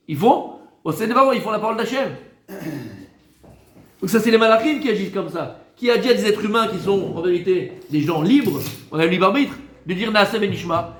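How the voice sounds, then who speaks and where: A man, a rabbi, giving a Torah lesson in a lively way, teasing his listeners with joking asides. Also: high voice, roomy sound.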